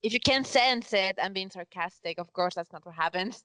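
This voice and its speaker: A woman's voice: medium pitch, a little fast, a bit bright, no room sound, poor audio. A woman co-hosting a fan podcast in easy, casual chat. She is emphatic and often sarcastic, and she peppers her talk with "like" and "you know". Her voice sounds close and dry, with almost no room sound. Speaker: podcast co-host.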